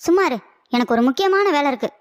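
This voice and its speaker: A woman's voice: high-pitched, expressive, fast talker, background noise. A woman voicing a foolish, henpecked older husband in a cartoon comedy, whiny and lovesick. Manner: whiny, pleading, dreamy.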